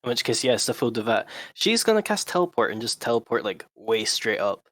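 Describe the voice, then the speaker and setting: Dude playing a tabletop game, dry close sound, plain middle voice. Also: male voice, mid-range voice, big pitch swings, brisk, a bit bright, dry recording. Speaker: player. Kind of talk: describing his character's actions.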